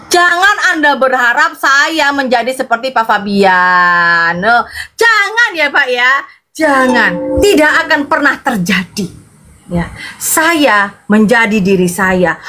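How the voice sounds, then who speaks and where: A woman evangelist from Madura preaches in a loud, sharp, bright voice that sits high in her range. She is animated and keeps calling out her viewers by name as she preaches. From Madura, Indonesia. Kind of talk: livestream sermon.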